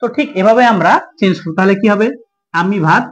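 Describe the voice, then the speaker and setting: A man's voice: high voice, rapid-fire, dull audio. A man with a Bangladeshi Bengali accent teaching an English grammar lesson, asking questions and answering them himself.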